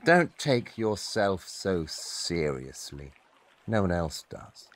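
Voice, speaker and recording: An actor playing Sherlock Holmes in an audio drama, a coolly logical, blunt detective who speaks precisely with deadpan, condescending wit. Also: male voice, sits low, slow, heavily acted. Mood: dry, sardonic.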